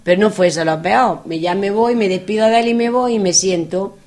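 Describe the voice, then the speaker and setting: Lively woman telling anecdotes. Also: mid-range voice, fairly quick. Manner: lively, animated anecdotes with acted quotes. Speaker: guest telling travel stories. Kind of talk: casual storytelling chat.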